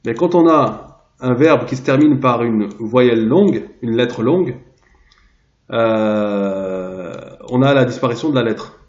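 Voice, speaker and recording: A man teaching a translation lesson, pausing often and searching aloud for the right word. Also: medium pitch. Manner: hesitant, searching aloud for words. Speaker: Arabic teacher. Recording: roomy, dull lo-fi sound.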